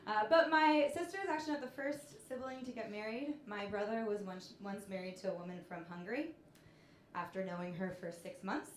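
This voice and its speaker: A woman in her thirties doing a stand-up comedy set, telling stories in a deadpan way. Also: mid-range voice, fairly quick, a little hiss or hum. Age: 30s. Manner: deadpan storytelling with punchlines. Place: comedy club stage with laughing audience. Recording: echoey club room.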